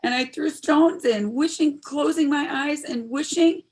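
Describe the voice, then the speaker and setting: A woman speaks in a high, slightly mellow voice, a little slowly, with an anguished mood. The role is an earnest, troubled daughter of 26 studying medicine, and her stage drama lines come out heartfelt and pleading in this audio performance.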